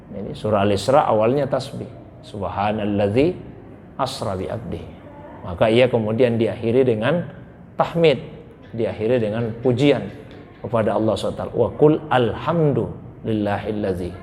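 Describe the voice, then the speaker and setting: A man giving a Quran exegesis lesson in a mosque, reciting Arabic verses slowly and then explaining them in plain, calm speech. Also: fairly low pitch. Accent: Indonesian. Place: mosque hall. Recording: long reverb in a mosque hall, faint noise.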